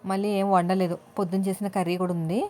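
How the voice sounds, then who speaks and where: Chatty housewife vlogger, thirties, mid-pitched, talks straight to viewers. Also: female voice, level tone, quick pace, darkish tone. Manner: talkative, addresses viewers directly. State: tired. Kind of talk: casual chatty home vlog.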